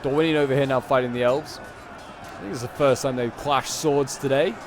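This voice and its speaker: A man giving casual, animated live commentary on a strategy game battle in colloquial speech. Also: medium pitch, normal speed, background noise. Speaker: gameplay commentator.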